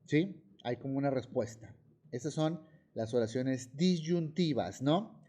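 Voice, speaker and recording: A man teaching a high school grammar class in Mexican Spanish, explaining with examples and often checking in with "¿sí?". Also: animated, a little slow, dark tone.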